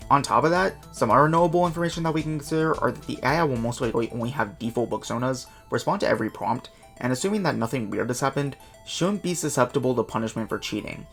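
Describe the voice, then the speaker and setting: A man narrating a casual video with a quick, self-mocking, chatty delivery. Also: mid-range voice, gravelly. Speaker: YouTuber and documenter.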